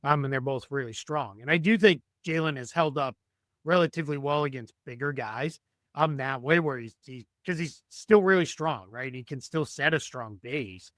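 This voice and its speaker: A man's voice: medium pitch, moderate pace, fairly bright tone, no room sound. A man losing his voice, talking through basketball analysis as a podcast guest, thinking aloud with many restarts and ums.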